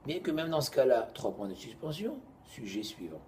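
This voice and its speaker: A man, teaching an informal Torah class to students in an animated, joking way, moving between loud bursts and quiet asides. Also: mid-range voice, normal speed, slight background noise.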